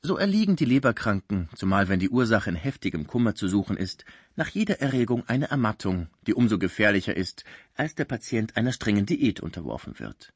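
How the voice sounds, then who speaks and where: A man narrating a classic novel as an audiobook in measured, expressive storytelling. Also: on the low side, breathy edge, dry recording, studio quality.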